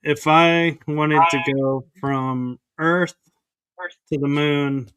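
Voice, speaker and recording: A man's voice: a little high, steady tone, very slow, a bit bright, clean tone, no room sound. A man, a guest on a podcast, speaking over a video call and explaining ideas earnestly, step by step. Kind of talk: casual explanation in an interview.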